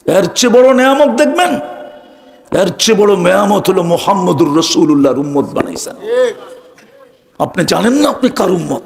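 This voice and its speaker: A man's voice: high voice, creaky. A man preaching a sermon, fervent and full of rhetorical questions put straight to his listeners. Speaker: Islamic preacher. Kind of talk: sermon to a live audience.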